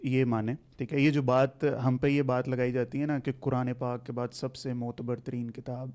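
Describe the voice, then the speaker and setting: A man in his thirties hosting a podcast and debating his guest heatedly, pushing back and quick to object. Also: mid-range voice, flat delivery, darkish tone. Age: 30s. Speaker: podcast host.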